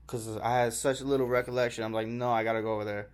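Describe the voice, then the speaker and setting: A young man talks into a small handheld camera, retelling a rough night abroad in a loose, rambling way. His voice sits at an ordinary middle pitch. He slips into quoted dialogue often and swears casually as he goes. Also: flat delivery, fast. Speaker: travel vlogger. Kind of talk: casual storytelling vlog.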